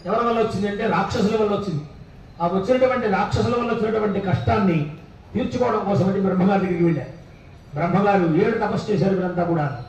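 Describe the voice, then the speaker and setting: A man serving as temple priest, chanting mantras slowly in a sung voice and explaining the ritual quickly in between. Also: high-pitched, darkish tone, slight background noise. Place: temple hall during a ritual. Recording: very echoey, voice from far off.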